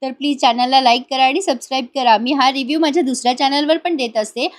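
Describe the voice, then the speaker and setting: A woman's voice: high voice, steady tone, fast. A woman narrating a voice-over review of a TV serial episode in a chatty retelling manner.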